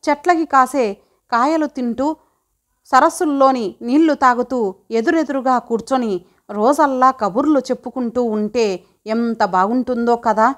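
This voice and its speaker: Brief: a woman voicing a lovesick young heroine, earnest and sulky, fairly high voice. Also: moderate pace, close to an everyday voice. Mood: longing. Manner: pouting, earnest. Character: young woman in love, pouting and longing. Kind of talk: audiobook character reading.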